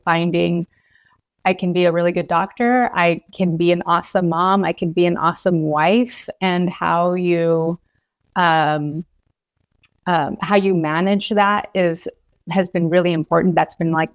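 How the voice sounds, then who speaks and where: A woman from Los Angeles in her thirties, a physician guest talking in a casual, hesitant way full of ums, likes and you knows. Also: on the low side. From Los Angeles, California. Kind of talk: casual podcast conversation.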